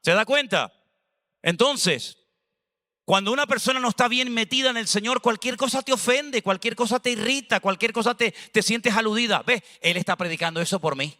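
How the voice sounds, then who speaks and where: A man from Spain, a pastor preaching an animated sermon with chatty asides, recorded in a church hall. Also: extremely high pitch, moderate pace. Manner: animated, preaching with conversational asides and acted dialogue. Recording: long hall reverb.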